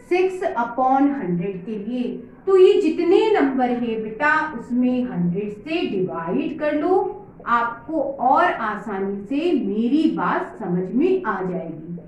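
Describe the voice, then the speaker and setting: A woman teaching maths to children at a board, patient and asking her own questions aloud. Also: on the high side. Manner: patient, calls pupils "beta", asks and answers her own questions. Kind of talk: whiteboard maths lesson for children. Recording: very echoey room, faint noise.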